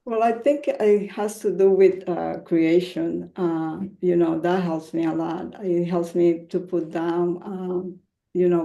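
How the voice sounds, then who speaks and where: A woman poet from Ecuador answers a question at a reading, searching for words with frequent fillers. Her voice is low, mellow and gravelly, and she speaks slowly. The sound is roomy. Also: lo-fi sound. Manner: hesitant, many fillers and laughs. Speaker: featured poet. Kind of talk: panel discussion answer.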